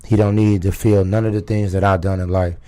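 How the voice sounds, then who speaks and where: A man from Chicago with a raspy voice that sits on the low side. He talks loose and street-casual, piling up fillers and restarts as a guest on a radio show. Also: flat delivery, a little fast, mellow. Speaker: guest rapper. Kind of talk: radio interview.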